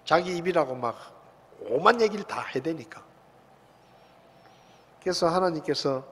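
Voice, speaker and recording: Animated husky-voiced man preaching. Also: on the high side. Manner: animated storytelling, acting out quotes. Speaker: pastor. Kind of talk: sermon. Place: church sanctuary. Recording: echoey church hall.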